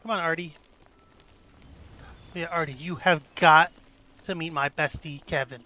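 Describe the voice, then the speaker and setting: A man's voice: fairly high pitch, steady tone, a little slow, bright, forceful tone, poor audio. A man giving casual, playful, profane commentary as he hosts a video game let's play. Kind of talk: casual joking gameplay commentary.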